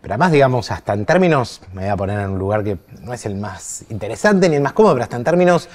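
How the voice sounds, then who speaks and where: A man's voice: on the low side, big pitch swings, rapid-fire, darkish tone. A male interviewer asking questions in a conversational way, with fillers and hedges. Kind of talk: interviewing, casual chat.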